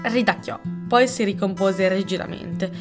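A woman reading a mystery novel aloud in a steady, even storytelling voice. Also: mid-range voice, a little slow, soft background music. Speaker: audiobook reader. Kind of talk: scripted narration of a mystery novel.

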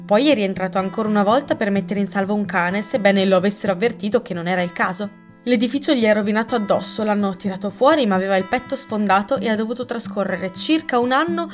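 A woman reading aloud and voicing a shrewd, gentle elderly spinster who speaks in a calm, measured way. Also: medium pitch, soft background music, close to an everyday voice.

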